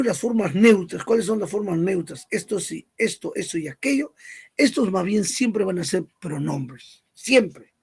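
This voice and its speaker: A man's voice: high-pitched, creaky, breathy edge. A man teaching a grammar lesson, who asks questions, answers them himself and repeats word lists.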